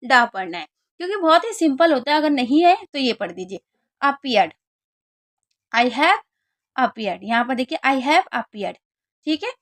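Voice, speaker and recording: A woman with a high voice gives an English pronunciation lesson. She explains each word step by step, asking questions and answering them herself. The sound is dry and close. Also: very animated, moderate pace, pauses often, dry recording. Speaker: English teacher.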